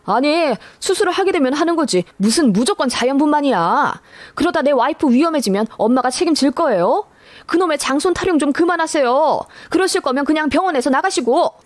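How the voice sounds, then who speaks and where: An angry young husband standing up to his mother, raised and indignant, as a woman narrator voices him. The delivery is fairly high for a man and dry, close to the mic, as in a read-aloud radio story. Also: expressive, a little fast, no echo. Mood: yelling. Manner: shouting, indignant.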